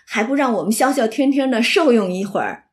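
Lady reading a cheeky young maid talking back, kinda high voice. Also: lively intonation, a little fast, natural voice. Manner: cheeky, scolding. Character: spirited young maid, saucy and bold.

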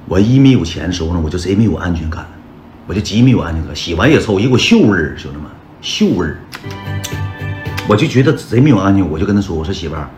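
With a low-pitched voice and a Northeastern Mandarin accent, a man narrates his own experiences on a livestream. He speaks in a chatty way, constantly addressing the viewers as brothers, and the sound is echoey with loud music behind him.

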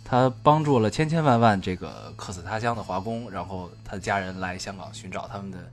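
A man's voice: sits low, brisk, a little hiss or hum. A young man, co-hosting a podcast in casual chat about films. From mainland China. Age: young adult. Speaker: podcast co-host. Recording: guitar music behind the talk. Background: guitar music.

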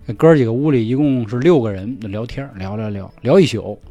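A man tells a ghost story at a quick clip, slipping into hushed, half-whispered voices for the characters. The sound is dry and close, with faint music in the background. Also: medium pitch, no room sound. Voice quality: colloquial, acts out dialogue in hushed voices. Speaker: podcast storyteller. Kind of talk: casual ghost story telling.

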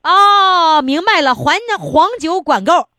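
A woman's voice: high-pitched, expressive, takes it slowly. A woman hosting a casual, chatty interview, teasing playfully and repeating answers to check them. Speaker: show host and interviewer. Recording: noisy crowd in the background.

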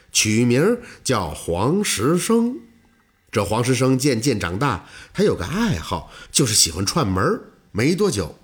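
A man's voice: mid-range voice, husky. A man narrating a folk tale in a dramatic storytelling manner.

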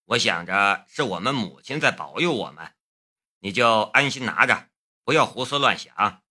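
Audiobook: young protective elder brother, gruff, slightly lowered voice , read by a man. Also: lively intonation, normal speed, pushed and bright, exaggerated voice. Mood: reassuring. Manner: gruff, mock-stern.

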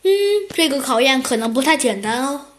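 A woman voicing a kindly male monkey police chief in a children's story, patient and gently teasing. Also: high-pitched, brisk, lightly acted.

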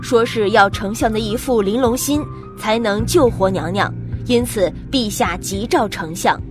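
A woman's voice: fairly high pitch, normal speed, music in the background, pitched below the performer's own voice, close to an everyday voice. A woman voicing a male court messenger delivering a formal, urgent report.

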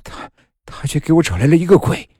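A man's voice: low voice, expressive, moderate pace, darkish tone, breathy edge, dry recording, clean studio sound, heavily acted. A man voicing a gaunt, lovesick young man in an audio horror story, speaking in an agitated, pleading way.

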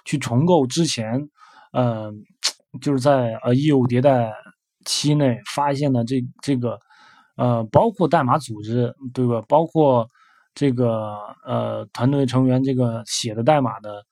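A man's voice: mid-range voice, measured pace, a little mellow, no echo, studio quality. A young man giving casual spoken advice as a developer, hesitant, with many fillers and repeated words.

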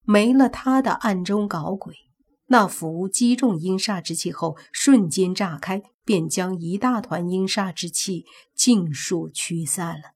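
A woman narrating a suspense novel as an audiobook, reading slowly and voicing the characters herself. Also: mid-range voice, darkish tone, husky. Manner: slow, measured storytelling voicing all characters.

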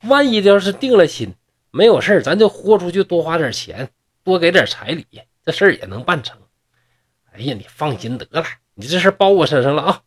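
A man's voice: on the high side, sing-song, fairly quick, voice pushed up. A man with a Northeastern accent voicing a boastful, swaggering young man in a storybook tale. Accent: Northeastern Mandarin. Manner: brash, swaggering. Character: boastful young man, brash and confident cousin.

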